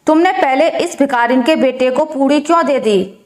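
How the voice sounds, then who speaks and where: A woman's voice: high voice, normal speed, close to an everyday voice. Woman voicing a nagging stern mother-in-law. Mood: scolding. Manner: sharp, nagging. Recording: roomy echo.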